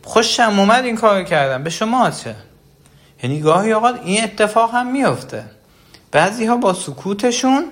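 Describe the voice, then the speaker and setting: A man's voice: high voice, a bit bright. A man giving an earnest talk on parenting, explaining with everyday examples and speaking straight to the listener. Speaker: parenting educator.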